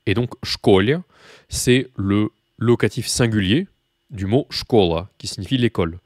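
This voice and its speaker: A man with a somewhat low voice runs a relaxed beginner Russian lesson, talking straight to his learners. He rambles through asides and fillers. The sound is dry and close, with no room echo. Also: measured pace. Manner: chatty, many fillers and asides, addresses learners directly. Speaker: Russian teacher. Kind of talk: casual video lesson.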